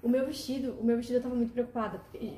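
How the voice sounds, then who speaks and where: A woman telling a personal story in a casual, animated way, acting out the dialogue as she goes. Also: fairly high pitch, racing, echoey room, slight background noise. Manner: animated, emotional retelling with quoted dialogue. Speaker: guest telling her testimony.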